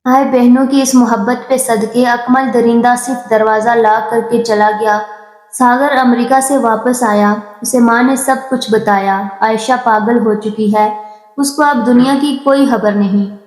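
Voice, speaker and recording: A woman narrates a heartbreaking moral story, her delivery emotional and mournful. Her voice sits fairly high, and the roomy recording carries a long reverb tail. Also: steady tone, a little mellow.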